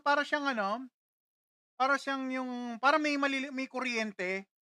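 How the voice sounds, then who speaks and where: A man's voice: high-pitched, pushed and bright, smooth, no room sound, studio quality. A young Filipino man casually chatting on a livestream, reading out viewer comments and laughing often. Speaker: livestream host.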